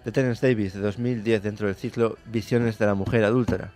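Fast-talking Spanish man, wry radio co-host. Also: fairly low pitch, fairly even intonation, darkish tone. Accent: Spain Spanish. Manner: wry, joking. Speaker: radio show co-host, film news presenter. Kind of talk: casual chat.

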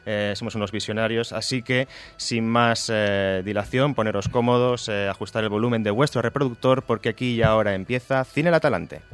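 A man's voice: on the low side, fairly quick, hardly any pauses, clean tone. A man with a nasal voice and an accent from Spain, chatting casually and jokily as a rambling radio co-host. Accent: Spain Spanish. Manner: jokey, rambling. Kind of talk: casual chat.

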